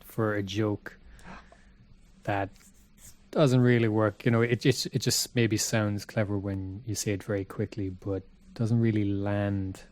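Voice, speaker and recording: A man on a podcast, giving an articulate, critical opinion in casual chat and pausing to choose his words. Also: on the low side, little pitch movement, a little mellow. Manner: articulate, critical, pauses mid-thought.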